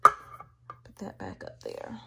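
A woman's voice: slow, bright, forceful tone. A woman chatting casually to her viewers from home, talking to them as y'all, filming with a handheld camera. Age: adult with a daughter. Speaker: vlogger showing a grocery haul. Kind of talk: casual chat.

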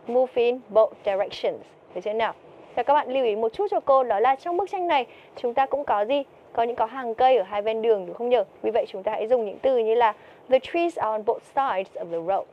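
A woman's voice: a little high, expressive, a little fast, highs cut off, a little hiss or hum. A woman teaching TOEIC vocabulary, who keeps asking her students questions and answering them herself. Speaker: English teacher.

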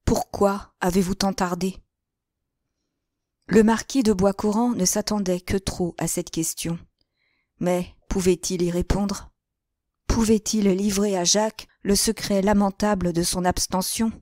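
A woman narrating a classic crime novel as an audiobook, with a measured literary reading. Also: mid-range voice, fairly even intonation, warm tone, no echo, studio quality.

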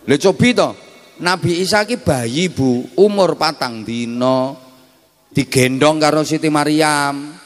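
A man with a Javanese accent preaches in a fairly high voice, joking and quizzing his listeners. His voice rings out with a long hall reverb around it. The pace moves between slow stretches and quick asides. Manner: jokey, mixes Javanese and Indonesian, quizzes the audience. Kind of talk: humorous religious sermon.

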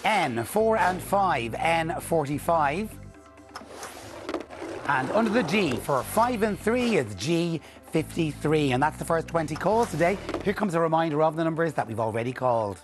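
A middle-aged man hosts a televised numbers game in a fairly high male voice. He delivers scripted links and calls with clear, measured upbeat presentation. Music plays clearly behind him. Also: very animated. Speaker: TV bingo presenter. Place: TV studio. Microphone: lapel mic.

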